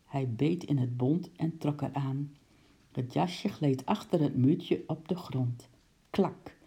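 A storyteller reading a children's book aloud in a lively voice, acting out the characters. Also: mid-range voice, husky.

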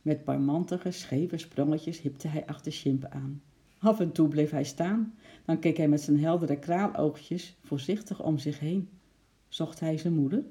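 A storyteller reads a children's story aloud in a lively way, adding sound effects for the animals. The voice is mid-range and the pace is measured.

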